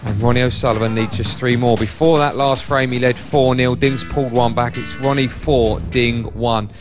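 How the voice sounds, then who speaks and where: A man's voice: mid-range voice, steady tone, moderate pace, over music. A man presenting televised snooker, recapping the match and putting points to a pundit. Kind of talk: studio presenting.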